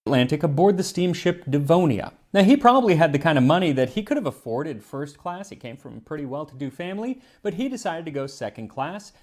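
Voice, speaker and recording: A man with a fairly high voice presents scripted narration as a show host. His delivery is very animated, with emphatic, explanatory phrasing. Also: a little fast, hardly any pauses. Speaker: host of a food history video show.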